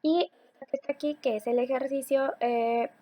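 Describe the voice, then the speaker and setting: A woman teacher giving a recorded slide lesson, talking patiently to her students and slowing down on key words. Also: high voice, fairly even intonation, dark tone. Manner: patient, addresses students directly, slows to stress key words.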